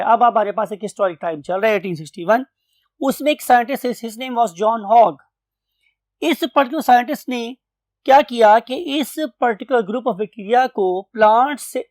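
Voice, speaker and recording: A man's voice: high-pitched, no room sound. A man teaching a biology class, explaining steadily and slipping English terms into his lecture while addressing his dear students.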